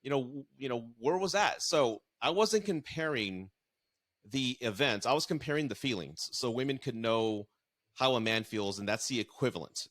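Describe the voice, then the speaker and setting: A man's voice: fairly low pitch, fairly bright tone. Earnest middle-aged man telling his stories. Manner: earnest, storytelling with acted-out quotes. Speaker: dating and divorce coach. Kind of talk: casual podcast conversation.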